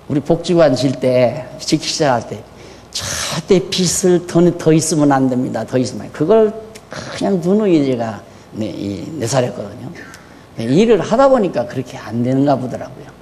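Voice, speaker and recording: An older man preaching a sermon in a church, moving between quiet asides and fiery, shouted questions. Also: mid-range voice, in a large hall, a little hiss or hum. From Korea. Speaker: pastor. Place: church hall.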